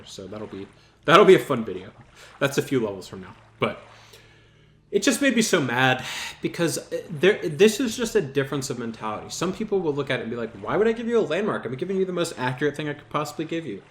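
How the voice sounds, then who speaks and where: Man telling a gaming story, animated. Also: medium pitch, slight background noise. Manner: animated, exasperated retelling with self-mockery. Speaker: gaming channel host. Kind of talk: casual storytelling over gameplay.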